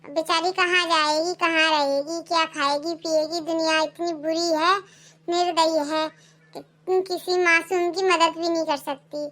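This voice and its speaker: A woman's voice: extremely high pitch, little pitch movement, unhurried, fairly bright tone. A woman voicing a kind, lonely, poor old village mother in a cartoon, fussing tenderly and repeating herself. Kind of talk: cartoon voice acting.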